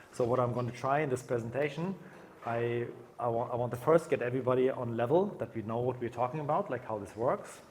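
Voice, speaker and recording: A man's voice: mid-range voice, a little mellow, a little hiss or hum. Man giving a casual conference talk. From Germany. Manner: casual, many fillers and restarts. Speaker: conference speaker. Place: conference room.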